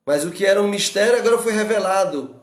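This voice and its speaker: Man, pastor, Brazilian Portuguese accent, earnest sermon, rhetorical questions, slightly high voice, roomy echo. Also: quick pace. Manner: earnest preaching, rhetorical questions and repeated exhortations. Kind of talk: expository Bible study sermon.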